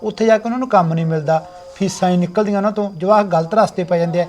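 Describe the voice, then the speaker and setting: An actor playing an earnest farmer elder brother who talks plainly and reassuringly. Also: male voice, high-pitched, rapid-fire, a little mellow, faint music behind, natural voice. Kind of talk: village family drama acting.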